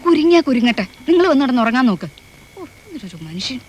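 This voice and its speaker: An actress playing a sharp-tongued, scornful wife and mother in a comedy film, scolding. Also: sits high, very animated, quick pace, breathy edge, exaggerated voice. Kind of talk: Malayalam comedy film acting.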